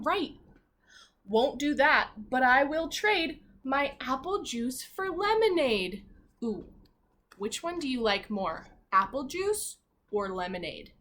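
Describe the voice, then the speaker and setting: A woman with a fairly high and very animated voice reads a children's picture book like a primary school teacher at story time. Her pitch swings freely between expressive reading and chatty asides, and she speaks straight to the young listeners, asking them questions directly.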